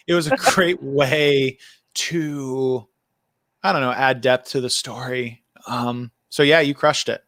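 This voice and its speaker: A man's voice: mid-range voice, animated, slow pace, fairly bright tone, no room sound, studio quality. A man hosting a livestream as the filmmaker, talking casually and rambling with many fillers and restarts. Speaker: filmmaker host.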